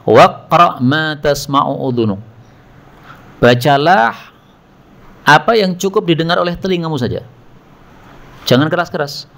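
A man's voice: medium pitch, creaky. A man giving a religious study lecture, telling stories with animation, acting out quoted voices and questioning his listeners. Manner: animated storytelling, acts out quoted voices, asks the audience questions. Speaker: Islamic preacher.

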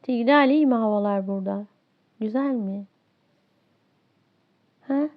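A high-pitched woman talks over her gameplay in a frustrated, ranting way, complaining about a teammate. The audio is a bit dull and lo-fi. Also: unhurried. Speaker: gaming streamer. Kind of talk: live gameplay commentary.

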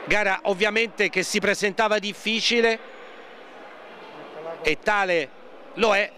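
High-pitched male futsal commentator, noisy hall. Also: measured pace. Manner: excited, repeats players' names, voice rises at key moments. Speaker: match commentator. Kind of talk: live futsal play-by-play commentary. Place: indoor sports hall during a match. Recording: noisy sports hall ambience, bouncing balls.

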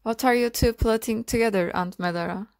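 A woman's voice: on the high side, fairly quick, lightly acted. A woman reading as a proud, scornful young countess. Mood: imperious. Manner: sharp, imperious.

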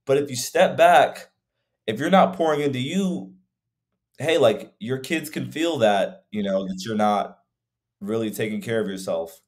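A man's voice: medium pitch, measured pace. A young man, a fitness coach co-hosting a podcast over a video call, talking in a reflective, rambling way with many fillers. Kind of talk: casual podcast conversation. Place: room at home.

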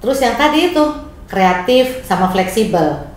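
A woman's voice: medium pitch, big pitch swings, normal speed. Earnest woman in a very echoey room. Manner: earnest, practical, mixes in English words. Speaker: family caregiver guest. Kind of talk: conversational interview answers. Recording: very echoey room, faint noise.

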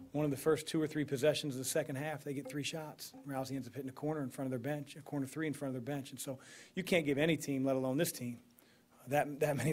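A man in his forties, a basketball head coach, answering press questions after a game in a measured way, with many fillers and restarts, into a podium microphone. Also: mid-range voice, darkish tone. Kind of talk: postgame press conference answers. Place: press room in front of a sponsor backdrop.

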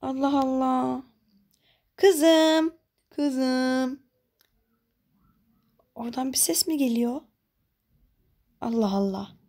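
A woman voicing a worried middle-aged mother who calls out loudly and fusses. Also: high voice.

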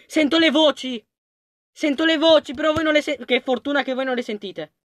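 A gaming video creator giving let's-play commentary, excitable and panicky, talking to the game characters and swinging between shouts and low mutters. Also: fairly quick, dry recording.

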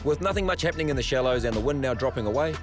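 A man narrates, reading scripted lines at a brisk pace. His pitch is mid-range and music plays clearly underneath. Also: expressive. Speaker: show narrator. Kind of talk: scripted narration of a fishing trip.

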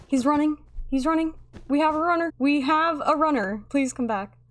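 A woman giving playful, excitable commentary over her gameplay, talking to her viewers. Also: high voice, moderate pace. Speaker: gamer.

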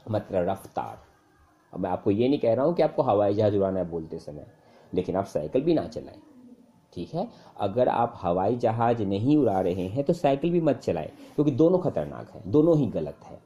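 Dark-voiced male English teacher. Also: brisk. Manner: conversational, many fillers and repeated phrases, lively pitch jumps. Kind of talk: casual spoken lesson to students.

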